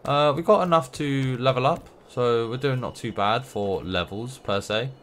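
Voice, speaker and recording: A young man with a runny nose streams a game, talking casually in a rambling, playful way. He speaks at normal speed with a medium pitch. Behind his voice there is noisy game sound.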